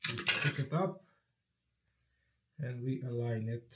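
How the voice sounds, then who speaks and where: Male vlogger, congested with a cold, slow and chatty, nervously excited hands-on narration. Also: mid-range voice. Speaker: PC building vlogger.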